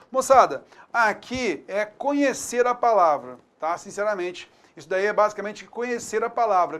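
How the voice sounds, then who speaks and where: A man with a Brazilian accent teaching an online grammar lesson, chatty, checking in with students often and slowing down to spell out example words. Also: high voice, clear, resonant tone. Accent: Brazilian Portuguese. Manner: chatty, repeats tag questions to students. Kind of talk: online exam-prep lesson.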